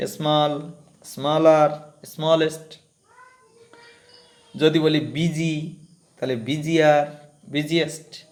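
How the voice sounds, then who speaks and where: A man's voice: a little high, darkish tone. A man teaching an English grammar lesson, explaining step by step and repeating the key terms.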